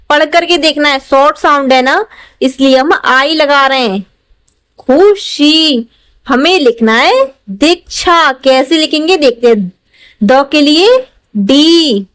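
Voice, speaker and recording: Slow, high-voiced woman teaching. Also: dry recording. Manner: patient, explanatory, repeats and stretches syllables. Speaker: English teacher. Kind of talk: slow step-by-step spelling lesson.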